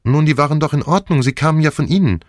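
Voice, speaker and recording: A man's voice: fairly high pitch, fast, dry recording, clean studio sound, voice pushed up, natural voice. A man voicing a feverish, defiant young woman who sounds weary and stubborn.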